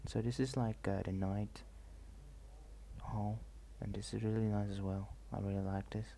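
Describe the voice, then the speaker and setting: An ASMR vlogger with a soft, gravelly voice narrates his travel vlog in a rambling, hesitant way, blending quiet speech with whispers. His voice is on the low side, fairly flat, and at normal speed, with faint ambient noise behind it.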